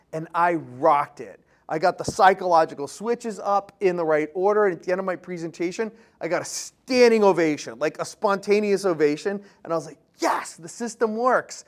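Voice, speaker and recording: A man giving a motivational seminar talk on selling, telling stories with energy and firing questions at the audience in short, punchy phrases. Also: fairly high pitch. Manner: punchy short phrases, acts out quoted dialogue. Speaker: public speaking and sales trainer.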